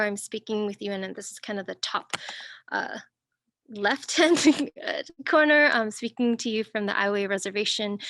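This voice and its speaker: Here a woman from Singapore and northern Thailand speaks as a guest in an academic video-call talk, reflective and searching, stopping and restarting often. Her voice sits mid-range with vocal fry and a slightly bright edge, and there's no room sound.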